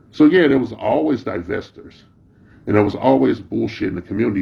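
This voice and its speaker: Gravelly middle-aged man in a blunt rant. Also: fairly low pitch. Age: middle-aged or older. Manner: profane, blunt, slangy; confrontational, scornful. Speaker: social media commentator. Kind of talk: informal opinion rant with rambling anecdotes. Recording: dull, muffled lo-fi sound.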